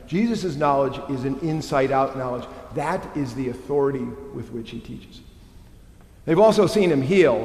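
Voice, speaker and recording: A middle-aged man preaching a sermon as a pastor, animated and tossing in rhetorical questions. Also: fairly high pitch. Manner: animated, frequent rhetorical "right?". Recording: echoey hall with long reverb.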